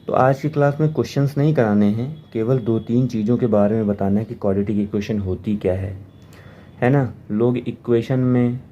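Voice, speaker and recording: A man's voice: mid-range voice, dark tone, muffled recording, a little hiss or hum. A man teaching a math lesson, explaining step by step and often repeating himself to check understanding. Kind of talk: classroom lecture.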